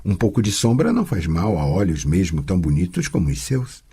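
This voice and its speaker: Man voicing a sorceress tutor, audiobook, calm, chiding, husky, lively inflection. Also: sits low, a little fast, voice pushed down, heavily acted. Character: patient, teasing woman sorceress, tutor. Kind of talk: audiobook character voice.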